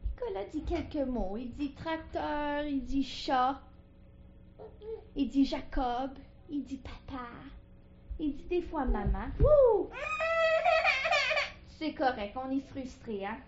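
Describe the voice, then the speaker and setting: A woman, a parent talking to her toddler in a slow, sing-song, coaxing baby-talk voice in a home video. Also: high-pitched, a little mellow, a little hiss or hum. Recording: echoey, slightly muffled home video.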